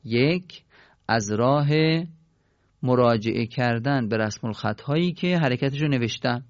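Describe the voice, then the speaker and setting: A man of middle pitch teaching a recitation lesson patiently, putting a question and then answering it himself. The recording is dry and a little dull, with no room sound. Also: dry recording. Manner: patient, asks and answers his own questions. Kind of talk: explanatory lesson.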